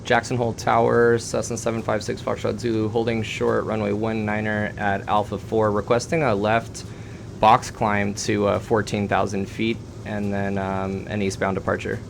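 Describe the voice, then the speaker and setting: Pilot on a cockpit headset, gravelly man. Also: on the low side, completely flat delivery, moderate pace, noisy background. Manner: clipped, methodical aviation phraseology with fillers. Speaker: flight instructor. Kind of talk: pilot callouts and radio calls.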